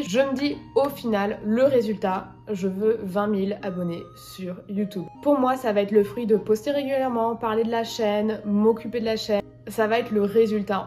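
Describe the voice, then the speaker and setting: A woman's voice: mid-range voice, a little mellow. A bubbly, chatty young woman, talking casually to camera in her vlog. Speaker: content creator.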